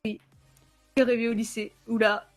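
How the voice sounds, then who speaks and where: Guesting on an esports show, a young esports team member from near Aix-en-Provence in southern France talks about her journey in a casual interview. She has a fairly high, level voice at a moderate pace, jokes at her own expense, and laughs a lot, with faint music behind her.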